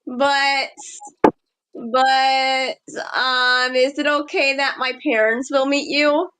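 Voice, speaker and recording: A woman's voice: sits high, little pitch movement, slow, bright, forceful tone, smooth. A woman on a live stream who keeps asking questions in casual chat. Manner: asks lots of questions.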